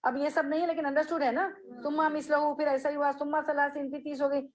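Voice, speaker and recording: Woman giving a religious lesson, fairly high voice, reads arabic slow then explains and quizzes. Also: level tone, rough recording. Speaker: religious teacher.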